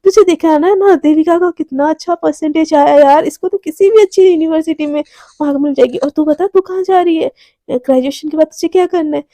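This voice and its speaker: A woman playing a chummy, teasing college girl who pokes fun at her friends. Her voice is high and mellow with a close, dry sound, as a storyteller puts her on. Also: a little fast, no echo.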